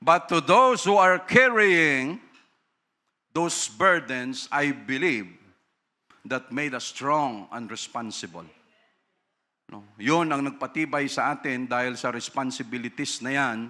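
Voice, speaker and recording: Bright-voiced pastor preaching. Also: male voice, mid-range voice, a little slow. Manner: conversational preaching, frequent tag "no?"; mixes Tagalog and English. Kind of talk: sermon.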